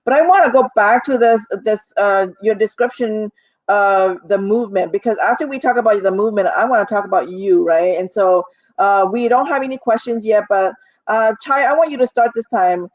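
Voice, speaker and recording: A woman's voice: medium pitch, moderate pace, no echo. A woman hosts a panel in an upbeat, chatty way, teasing herself as she moves between topics. The recording is dull and muffled, with a dry sound and no room around it. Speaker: panel moderator. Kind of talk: moderating an online panel.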